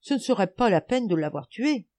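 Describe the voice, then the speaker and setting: A woman's voice: medium pitch, sing-song, a little fast, mellow, dry recording, pitched above the performer's own voice. A woman reading an audiobook, voicing a rowdy bossy village boy who blusters and scolds in slang. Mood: eager.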